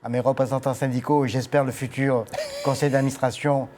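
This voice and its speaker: Older guy on a tv show, director leaving his post, talks slow and formal with lots of euh. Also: mid-range voice, little pitch movement, a little mellow, soft background music. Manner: measured, formal, thankful, with frequent hesitations. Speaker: guest, agency director. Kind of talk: TV interview. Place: TV studio.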